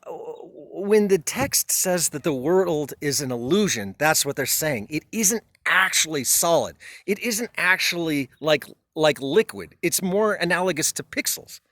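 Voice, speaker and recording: A man's voice: a little high, fairly bright tone, no room sound, studio quality. Casual rambling man explaining philosophy. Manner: loose, rambling, with restarts and swearing. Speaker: commentator. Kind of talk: casual spoken commentary.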